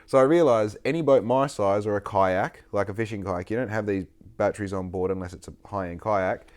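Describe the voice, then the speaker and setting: Australian bloke, late 20s, podcast host; rambly, swears a lot, lowish voice. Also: male voice, brisk, darkish tone, smooth. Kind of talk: casual chat.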